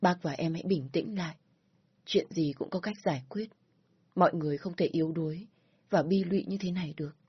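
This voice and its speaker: A woman voicing a calm young man in a spoken story, steady and comforting. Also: on the low side, a little fast, husky, dry recording, dull audio. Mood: reassuring. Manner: soothing, steady. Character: calm reassuring young man, narrator's boyfriend.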